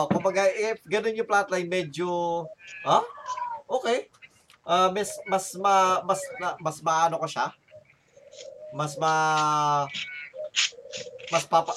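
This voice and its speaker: A podcast host with a Filipino accent and a slightly high voice chats casually over background noise. He frequently restarts words while hunting for the right term.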